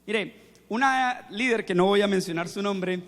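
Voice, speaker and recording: A high-voiced male preacher gives a sermon to young people, acting out anecdotes and quizzing the crowd. His voice echoes through a large hall with a long reverb. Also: unhurried. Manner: storytelling, animated, quizzes the audience. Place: church or seminar hall.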